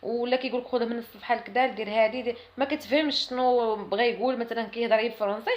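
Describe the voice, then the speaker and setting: Explaining in Arabic, a Moroccan-accented woman teaches classroom phrases in French, saying each one slowly and with care. Her voice is a little high and steady in tone.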